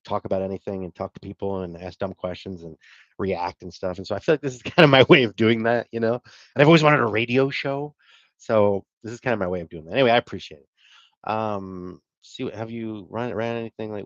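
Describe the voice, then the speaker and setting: Answering viewer comments at a brisk pace, this middle-aged host rambles in a fairly low voice, poking fun at himself and filling gaps with laughs and filler words. The audio is dry and dull.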